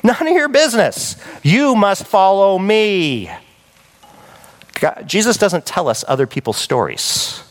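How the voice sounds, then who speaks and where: A man preaching a sermon in a conversational, animated way, often checking in with the listeners. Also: on the high side.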